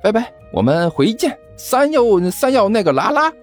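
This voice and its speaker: A man's voice: medium pitch, very animated, normal speed, soft background music, pitched above the performer's own voice. A man voicing a sly male landlord who chats in a falsely cheerful way in an audiobook. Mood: fake-friendly. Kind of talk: audiobook character voice.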